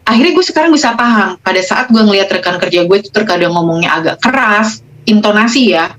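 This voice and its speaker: A woman, guest on a casual podcast, telling stories with animated, emotional delivery and acted-out quotes. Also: medium pitch, fast, slight background noise. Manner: animated, emotional, quoting patients in dialogue. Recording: dull lo-fi sound.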